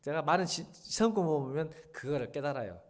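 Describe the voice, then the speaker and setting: A middle-aged man preaching a sermon in a church, swinging between hushed pleading and loud, fervent exclamations. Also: on the high side, animated, fairly quick. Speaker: pastor. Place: church sanctuary.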